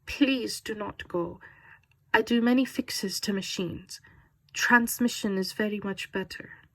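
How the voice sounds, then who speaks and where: A woman voicing a desperate German man with a thick German accent, speaking urgent, halting English. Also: medium pitch, dry recording, voice pushed up. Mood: overjoyed. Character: desperate German man calling over radio static.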